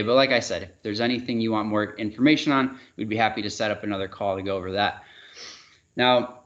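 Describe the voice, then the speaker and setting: A man giving a relaxed sales presentation over a video call, with frequent fillers and restarts. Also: lowish voice. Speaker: regional sales manager presenting a webinar. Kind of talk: casual product presentation. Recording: dull, muffled webinar audio.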